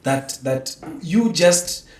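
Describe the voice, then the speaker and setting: In a reflective podcast conversation, a theatre practitioner with a Kenyan accent speaks with philosophical emphasis, moving between Swahili and English. His voice sits on the high side, animated, with drawn-out words. A little hiss or hum is present, and the room echoes as he sits far from the mic.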